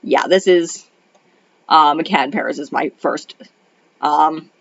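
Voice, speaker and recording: A middle-aged woman with a low, slow voice and vocal fry talks through a casual film review at home in Arizona. The retired librarian and homeschool mom is getting over a cold, so her voice is slightly off, and she rambles with many ums and restarts. There's no room sound, and the lo-fi audio is dull.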